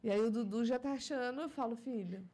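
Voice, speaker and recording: A woman's voice: a little high, quick pace, warm tone. A woman in her thirties from Brazil chatting casually about motherhood, laughing often and musing on faith. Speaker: guest mother. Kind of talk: casual chat.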